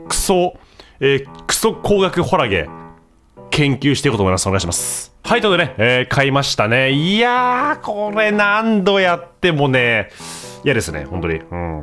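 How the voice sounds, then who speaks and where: A man talks through a game he's playing, his tone wry and mocking. His pitch leaps around constantly, and he breaks into sudden startled shouts. A faint game soundtrack hums underneath. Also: sing-song, brisk, faint music behind. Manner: wry, mocking, jumpy with sudden loud outbursts. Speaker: gameplay streamer. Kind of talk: casual gameplay commentary.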